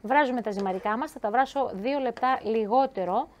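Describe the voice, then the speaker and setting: A woman chef giving a cooking demonstration, talking lively and chatty, speaking straight to her viewers. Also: fairly high pitch, a little hiss or hum.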